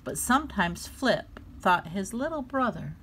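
Woman storybook reader, slow and animated delivery. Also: medium pitch, a little hiss or hum. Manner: slow, expressive, lively. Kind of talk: children's story read-aloud.

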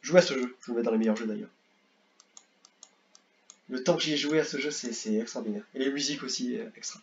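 A young man casually ranking video games, rambling and repeating himself, with excitable bursts. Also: medium pitch, quick pace, creaky, highs cut off. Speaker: gaming youtuber. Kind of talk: casual tier-list commentary.

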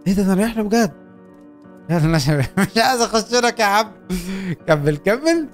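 A young man with an Egyptian Arabic accent giving excitable, joking commentary as he plays a game. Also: high voice, fast talker, faint music behind. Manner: excitable, joking, urging his character on. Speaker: gaming YouTuber. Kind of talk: Let's Play commentary.

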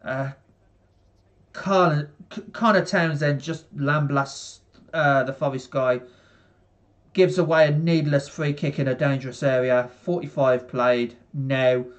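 A man's voice: mid-range voice, fairly even intonation, slow pace. A young man from England commentating casually on a football match for a live stream, rambling with many fillers and talking to viewers in the chat from his bedroom on a headset. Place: small bedroom.

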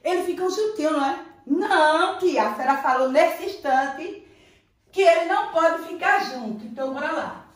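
Speaking to young children in a playful, affectionate, sing-song way, this Brazilian woman primary school teacher has a high voice, lively intonation and a normal pace, with a Brazilian Portuguese accent. The recording sounds echoey, her voice somewhat distant from the microphone.

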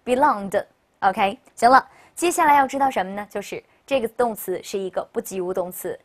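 A woman English teacher giving a recorded vocabulary lesson. She explains in Chinese in a chatty, upbeat way and slows right down to model each English word for listeners to repeat. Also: medium pitch. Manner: upbeat, chatty classroom delivery with frequent "OK, 好的".

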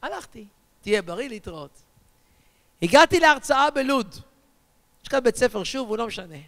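Male rabbi, high smooth voice, animated storytelling sermon, long reverberant hall. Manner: animated storyteller, acts out dialogue, asks the audience questions. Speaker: rabbi and lecturer. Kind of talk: storytelling religious lecture. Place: lecture hall before an audience.

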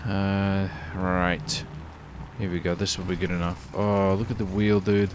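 A deep, level voice, a little slow, belongs to a roleplay video host chatting in character while game ambience and vehicles sound behind him. He's casual and exclamatory and swears at times.

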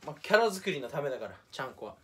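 A man's voice: on the high side, sing-song, racing, a bit bright, husky. A young man talking casually to camera in a solo vlog, rambling and self-mocking, slipping into mock Kansai dialect for fun. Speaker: YouTuber.

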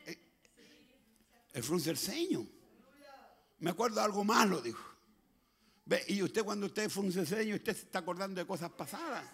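Chilean male pastor, fervent shouting preacher, gravelly, high and bright. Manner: fervent, often shouting, swings between loud and soft. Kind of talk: Pentecostal sermon. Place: church.

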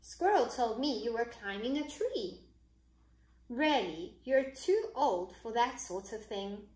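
A woman voicing a bossy, scolding male duck in a storybook read-aloud, loud and high. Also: expressive, takes it slowly, reverberant, poor audio.

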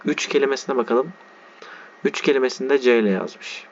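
A man teaching a lesson, reading a text aloud slowly and spelling out its letters and words as he explains them. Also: medium pitch. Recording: dull lo-fi sound with faint background noise.

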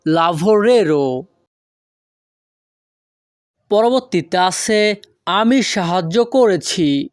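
Patient online tutor, unhurried and methodical, recorded dry and close. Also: medium pitch, no echo. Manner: deliberate, repeats each foreign phrase slowly, asks and answers own questions. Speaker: language teacher. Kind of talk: online language lesson.

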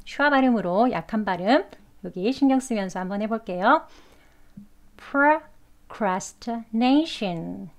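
A Korean-speaking woman teaching English pronunciation, breaking long words into syllables and drawing them out slowly. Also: medium pitch, animated. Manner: drawn-out, syllable-by-syllable demonstrations. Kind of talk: slow, careful pronunciation lesson.

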